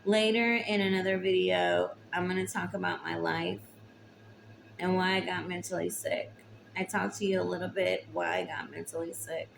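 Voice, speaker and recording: Young woman vlogger, tearful confessional, lowish gravelly voice, faint background noise. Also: flat delivery, rough recording. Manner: slow, halting, emotional, with long pauses. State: tearful, recently crying. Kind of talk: personal confessional talk to camera.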